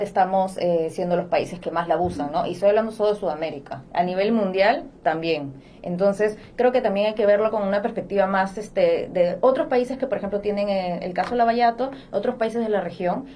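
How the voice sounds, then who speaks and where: Woman guest on a podcast, mid-pitched, talks it through analytically w/ lots of fillers, faint hiss. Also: warm tone. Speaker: podcast guest, political scientist. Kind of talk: conversational panel discussion.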